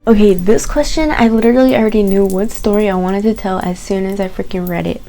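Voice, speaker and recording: Young woman vlogger with a warm, mellow voice and candid, chatty delivery peppered with "like.". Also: mid-range voice, fast, faint music behind. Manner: candid and animated, swears and says "like" often. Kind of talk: casual chatty storytelling.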